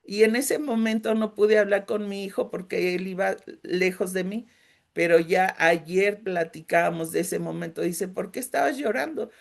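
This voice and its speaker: Mexican woman with a gravelly voice. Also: fairly low pitch, steady tone, measured pace. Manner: gentle, emotional, addresses listeners directly with frequent checks. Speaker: grief support group leader. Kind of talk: faith-based grief workshop talk.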